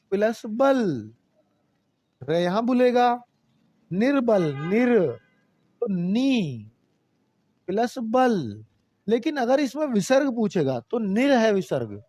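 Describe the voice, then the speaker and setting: A man's voice: high voice, darkish tone, no echo. A man teaching Hindi grammar in a live online class, patiently repeating rules and addressing students as children.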